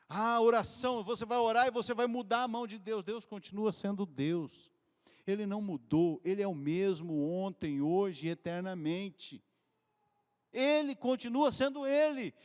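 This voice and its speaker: A man preaching a sermon in a conversational, animated storytelling way, from Brazil. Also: sits high, big-room sound. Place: church hall.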